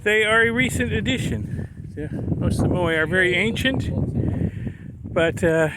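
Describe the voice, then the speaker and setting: Older guy chatting through his trip video on a windy hill, a bit high-pitched, wind blasting the mic. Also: lively intonation, normal speed. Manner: chatty, admiring, explains what a guide told him. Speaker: traveler filming his trip. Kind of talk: casual travel vlog narration. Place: outdoors on a windy island hillside. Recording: loud wind noise on the mic.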